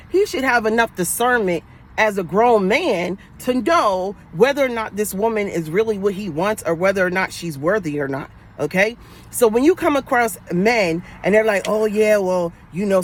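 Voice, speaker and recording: Blunt New York Queens woman, noisy recording. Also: medium pitch. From New York City, Queens. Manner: blunt, streetwise, emphatic, slangy. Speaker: livestreaming spiritual advisor. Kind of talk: casual, profane livestream rant.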